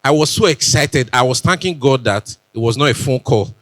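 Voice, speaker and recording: A man's voice: mid-range voice, animated, moderate pace, dry recording. A young Nigerian man with a Benin accent gives a chatty conference talk, joking and dropping into pidgin asides. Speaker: conference speaker. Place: conference stage.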